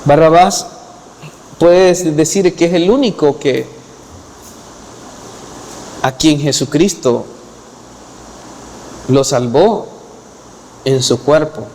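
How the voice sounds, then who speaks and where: A man preaching a sermon in a church hall, his voice sitting a little high for a man. The sound carries a long reverb from the room. He retells scripture plainly and lifts his pitch as he drives a point home. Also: very slow, long pauses, darkish tone, a little hiss or hum. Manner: retells scripture in acted quotes, lowering his voice for them; rises in pitch when pressing a point. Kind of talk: expository sermon.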